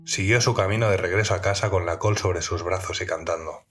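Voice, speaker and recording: A man narrating a children's folk tale in a calm, clear storytelling manner. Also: low-pitched, fairly quick, faint music behind.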